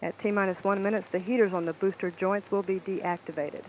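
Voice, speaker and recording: A man's voice: high voice, level tone, a little fast, darkish tone. A man making a live countdown announcement in mission control radio style, as a launch commentator. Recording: noisy archival mission control radio feed.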